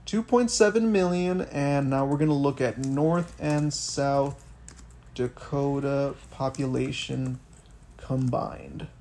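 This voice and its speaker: A man's voice: medium pitch, slow, a little mellow, a little hiss or hum. A young man from Miami co-hosting a podcast, ranting about politics in casual, profane talk full of restarts. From Miami, Florida. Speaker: podcast co-host.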